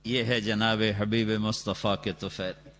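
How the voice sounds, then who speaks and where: A man preaching a sermon and telling the story dramatically, his voice rising loudly, with Quranic Arabic chanted slowly. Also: fairly low pitch, little pitch movement. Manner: dramatic storytelling with sudden loud rises and quick asides. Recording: long reverb from a large hall, on a loudspeaker.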